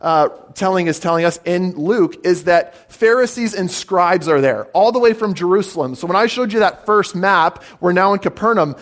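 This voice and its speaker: A man's voice: high voice, fairly bright tone. A man giving an explanatory teaching sermon as a pastor. He uses fillers and checks in with the congregation by asking "okay?".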